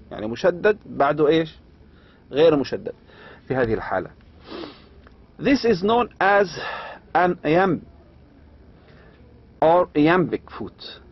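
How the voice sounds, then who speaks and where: A man with an Arabic accent lecturing on poetry, reading slowly and adding quick asides. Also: a little high, big pitch swings, slightly rough. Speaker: university lecturer. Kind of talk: lecture explaining English meter, mixing English and Arabic. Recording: dull lo-fi lecture recording.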